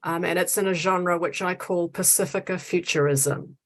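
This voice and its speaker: A woman author introducing herself on a panel, brisk and clear. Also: on the low side, fairly even intonation.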